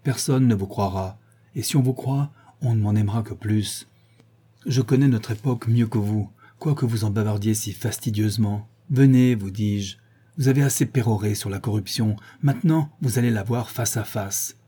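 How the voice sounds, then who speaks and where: A man's voice: lowish voice, moderate pace, warm tone, slightly rough. A man voicing a proud, mocking young male dandy who speaks with scornful insolence, in a storybook reading.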